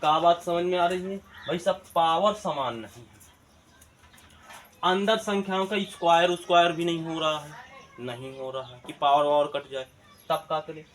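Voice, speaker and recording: A man's voice: on the high side, fairly even intonation, normal speed, a little hiss or hum. A man teaching a math lesson, asking questions and answering them himself in a colloquial way. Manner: colloquial eastern Hindi words. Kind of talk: classroom-style math lesson video.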